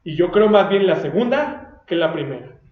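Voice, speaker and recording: Mexican male pastor, high voice, fiery and blunt sermon, roomy echo. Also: lively intonation, normal speed. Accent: Mexican Spanish. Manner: fiery and confrontational, with mocking asides. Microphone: recorded for video. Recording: roomy echo, dull lo-fi sound.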